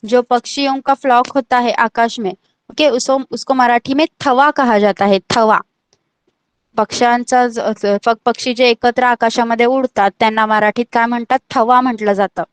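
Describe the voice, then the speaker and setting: A woman's voice: a little high, steady tone, moderate pace, clear, resonant tone. A woman teaching an online language class, patiently repeating each letter and checking that everyone understands.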